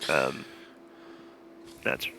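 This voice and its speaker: A man's voice: drawn-out words, sharp tone, slight background noise. A man narrating as game master of a tabletop role-playing game, telling it in a loose, rambling way with many fillers.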